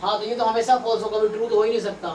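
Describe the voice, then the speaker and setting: Rapid-fire and flat in delivery, this high-pitched, slightly mellow male teacher solves math exam-prep problems aloud, repeating points as he goes. He switches between Hindi and English, and the recording sounds roomy and distant with a little background noise.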